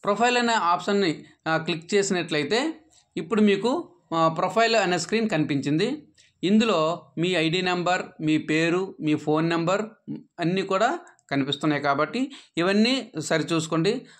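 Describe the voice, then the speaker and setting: A man gives a patient, step-by-step tutorial on an app, pausing on "aa" fillers and dropping his voice at the end of each sentence. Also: a bit bright. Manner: patient, instructive, with frequent "aa" fillers; drops pitch at sentence ends. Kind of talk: step-by-step screen tutorial narration.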